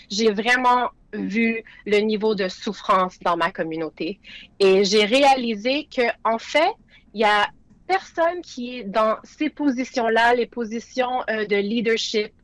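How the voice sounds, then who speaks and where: Une femme originaire des Philippines, candidate municipale, répond en entrevue avec sérieux et beaucoup d'hésitations. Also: female voice, a little high, unhurried, a bit bright, no room sound, rough recording. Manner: earnest, hesitant with many fillers and restarts. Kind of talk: interview answers.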